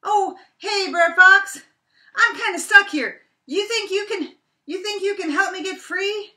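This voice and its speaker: High squeaky scolding rabbit guy, loud and cranky, woman doing the voice, bit far from the mic. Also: measured pace, echoey room, exaggerated voice. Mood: pleading. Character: indignant hot-tempered male rabbit, folktale trickster.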